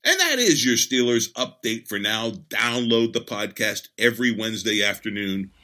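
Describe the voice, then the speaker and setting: A man hosting a sports podcast, reading a scripted opinion update in a measured, emphatic way. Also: mid-range voice, sing-song, pushed and bright.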